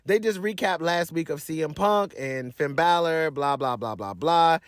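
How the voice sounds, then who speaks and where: A man with a fairly high voice that leaps up and down as he vents about a wrestling show, cursing freely. His talk is slangy and blunt, full of rambling asides. The sound is dry, with no room echo. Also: expressive, normal speed. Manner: exasperated, blunt, swears freely. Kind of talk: casual profane rant.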